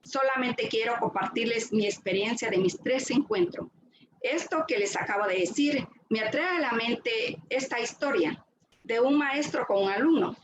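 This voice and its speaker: A woman's voice: fairly high pitch, normal speed, noisy background. Earnest woman speaker, echoey room. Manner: earnest, repeats words while searching for them. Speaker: retreat speaker giving a talk. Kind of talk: faith testimony talk.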